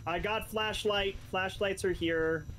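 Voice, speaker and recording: A man's voice: high-pitched, fairly even intonation, measured pace, a bit bright. A man hosting a casual multiplayer gaming session, joking around with friends. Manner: goofy, jokey banter. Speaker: channel host playing a game.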